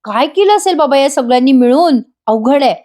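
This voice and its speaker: A woman's voice: high voice, expressive, a little fast, a little mellow. A woman voicing a thoughtful young husband who puzzles over a court case, in a serial retold as a story.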